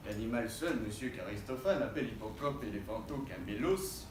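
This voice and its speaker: A man's voice: animated, fairly quick, natural voice. A man acting as a proud, witty, mocking swordsman-poet in a hammy, declamatory theatrical verse monologue. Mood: showy mockery. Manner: hammy, declamatory, swinging between hushed asides and booming cries. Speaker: stage actor. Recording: roomy, distant mic, faint background noise.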